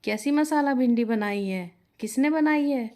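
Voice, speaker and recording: A woman's voice: high-pitched, unhurried, darkish tone. Woman doing a rude angry customer man. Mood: scolding. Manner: scolding, indignant. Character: angry male customer, middle-aged, rude.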